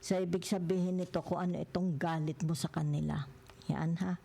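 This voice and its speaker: An older woman reads tarot cards, switching between Tagalog and English and tagging almost every phrase with a little question. Her voice sits low and carries a gravelly rasp throughout. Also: steady tone, brisk, mellow. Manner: peppers every phrase with questioning tag words. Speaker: tarot reader.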